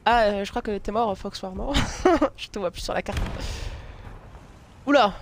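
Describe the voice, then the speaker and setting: A live streamer talks casually while playing a game, full of hesitations, fillers and restarts, and laughs often. The voice sits at a middle pitch. A faint noise runs under the talk. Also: a little slow.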